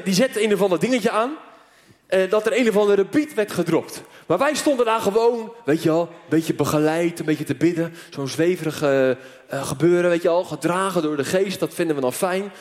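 A man preacher telling a story in an animated sermon, full of fillers, before a church audience. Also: high voice, brisk. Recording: long hall reverb.

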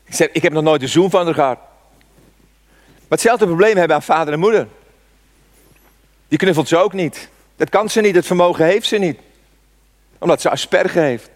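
A man's voice: on the high side, moderate pace, pauses often. A man in his sixties preaching a sermon, telling a personal story with fervent rhetorical questions. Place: church. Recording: long church reverb.

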